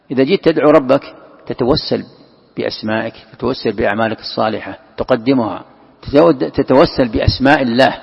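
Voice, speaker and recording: A man's voice: mid-range voice, gravelly, slightly rough. A man giving a religious lesson on Quran commentary, emphatic, asking rhetorical questions and repeating key phrases. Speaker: Islamic scholar teaching Quran commentary. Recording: echoey hall, dull lo-fi sound.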